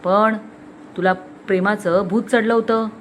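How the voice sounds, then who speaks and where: A woman's voice: mid-range voice, fairly even intonation, unhurried, a little hiss or hum, natural voice, low-quality recording. A woman voicing a stern middle-aged father who scolds his daughter in a cold, harsh tone.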